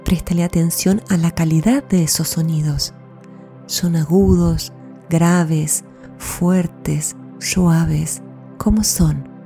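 Dark, mellow-voiced woman guiding meditation. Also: lowish voice, fairly even intonation, gravelly. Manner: soothing, gentle, unhurried delivery. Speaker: podcast host and meditation guide. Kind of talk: guided mindfulness meditation. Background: soft new-age music.

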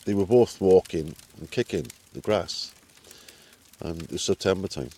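A man's voice: low-pitched, measured pace, dark tone. A man from Wales with a Welsh accent, casually telling anecdotes outdoors. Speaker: visiting angler.

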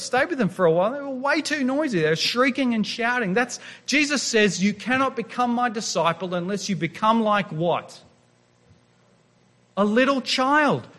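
A man in his thirties preaching a sermon in a church, animated and emphatic, with his voice rising on key points. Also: high voice. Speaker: pastor. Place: church sanctuary. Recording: long reverb of a large church hall.

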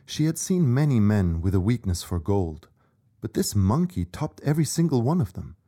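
A man's voice: fairly low pitch, warm tone. A man narrating a scripted children's story as the storyteller.

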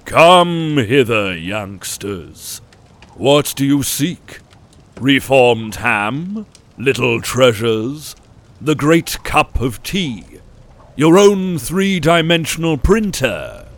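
A man voicing a towering, ancient sun-like elder who smiles and manipulates, speaking in a croaking voice with grand, drawn-out pronouncements. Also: mid-range voice, big pitch swings, a bit bright, pitched above the performer's own voice, heavily acted. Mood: beckoning.

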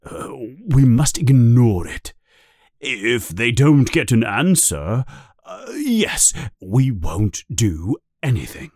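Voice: medium pitch, big pitch swings, takes it slowly, a little mellow, slightly rough, dry recording, clean studio sound, heavily acted. A narrator voicing a blustering, bossy middle-aged uncle who is easily rattled, for an audiobook story. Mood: scared.

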